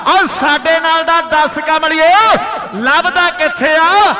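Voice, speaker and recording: A man's voice: extremely high pitch, steady tone, slow. A man with a Punjabi accent giving hearty, exclamatory live kabaddi commentary, repeating phrases and addressing listeners as friends. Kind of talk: live sports commentary with rhymed verse and thanks to sponsors. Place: outdoor village kabaddi tournament ground.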